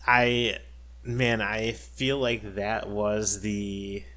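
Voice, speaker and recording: A man's voice: lowish voice, little pitch movement, very slow, pushed and bright. A man co-hosting a podcast in casual chat, rambling with many fillers and restarts. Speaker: podcast co-host.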